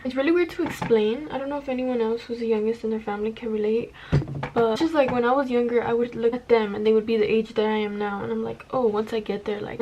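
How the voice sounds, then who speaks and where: A young woman with a slightly high voice talks casually to her viewers while getting ready. She rambles and wanders off on tangents, slangy and self-deprecating, swearing freely. There is some noise behind her voice. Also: darkish tone, highs cut off. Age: 19, about to turn twenty. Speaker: beauty vlogger. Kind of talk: casual get-ready-with-me chat.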